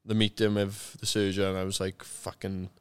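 Male, South Welsh, low clean voice; matter-of-fact, informal podcast guest with blunt, sweary delivery. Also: little pitch movement, moderate pace, smooth. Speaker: interview guest, retired rugby player. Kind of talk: casual, candid podcast chat.

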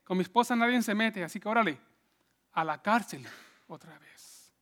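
A man voicing a jealous, powerful master, talking blunt and gruff. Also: high voice, moderate pace, noisy background, natural voice. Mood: stern.

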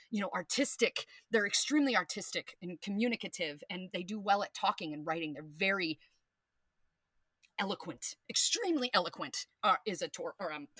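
Woman podcast host, bright voice, dry close sound, animated, profane, playful. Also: medium pitch, no room sound. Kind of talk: casual astrology talk.

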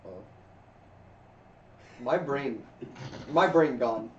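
A man's voice: medium pitch, lively intonation, very slow, a little hiss or hum. A man voicing a simple-minded female tavern keeper who speaks in broken, short phrases. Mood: dim. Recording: roomy, distant, dull recording.

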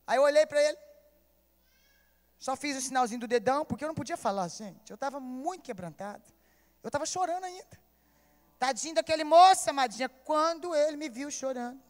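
A woman's voice: high-pitched, expressive, a little fast. A woman pastor with a Brazilian Portuguese accent preaching a sermon, telling an emotional story and calling out directly to her listeners. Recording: echoey hall reverb.

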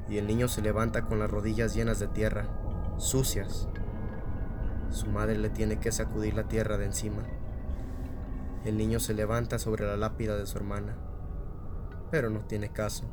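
A man's voice: on the low side, monotone, normal speed, pauses often, noisy background. Man narrating a spooky story on radio. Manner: dramatic, repetitive narration with fillers. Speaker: radio show host.

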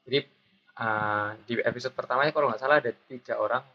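Young man with a pinched voice. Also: quick pace. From Surabaya, Indonesia. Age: 20s. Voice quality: pinched, shrill voice. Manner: self-deprecating, joking, informal. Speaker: guest host interviewing the podcast's founder. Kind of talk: casual podcast chat. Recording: dull lo-fi audio with clear background noise.

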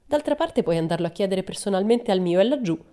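A woman's voice: mid-range voice, animated, fast, dark tone, pitched above the performer's own voice, natural voice. A woman voicing a cheeky, boastful little girl in a storybook reading, bold and chirpy. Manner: bold, chirpy, matter-of-fact.

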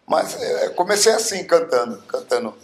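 A man's voice: fairly high pitch, very animated, moderate pace, a crowd in the background. Guy in his 70s, rambling storyteller, roomy echoey sound. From Bauru, Brazil. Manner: rambling, many fillers like "né". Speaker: guest singer. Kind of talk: casual interview storytelling. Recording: roomy echo.

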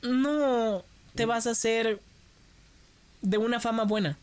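A man's voice: extremely high pitch, slow, clear, resonant tone. A young man talks casually as a podcast co-host. He tells his stories with animation and slips into put-on voices whenever he quotes someone. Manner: lively storytelling, acts out quoted voices. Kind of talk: casual chat.

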